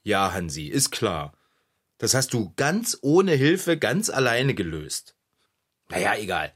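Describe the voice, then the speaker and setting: A man playing a cheerful, optimistic bicycle repairman in a children's radio play, excitable and husky. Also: takes it slowly, exaggerated voice. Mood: excited. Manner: excitable, swoops wildly in pitch.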